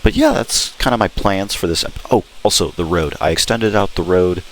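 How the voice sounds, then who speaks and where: A man with a deep voice talks viewers through a game in a casual, informal way. He sounds enthusiastic as he explains things. There is audible noise in the recording behind him. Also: moderate pace, low-quality recording. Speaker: video host. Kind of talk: casual gameplay walkthrough commentary. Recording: clear background noise.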